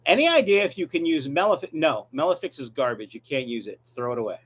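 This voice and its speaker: A man's voice: on the high side, lively intonation, fast talker, a bit bright, husky. A man hosting a casual livestream, reading viewer questions and answering them in a blunt, offhand way. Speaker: livestream host, aquarium fish breeder.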